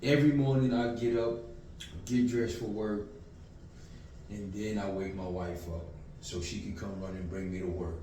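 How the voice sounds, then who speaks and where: Fifties male guest, unhurried and thoughtful, with a faint hiss under a distant mic. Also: fairly low pitch. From Louisiana. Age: 50s. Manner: calm, reflective, many "you know"s. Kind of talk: casual interview. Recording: echoey room, distant mic, faint noise.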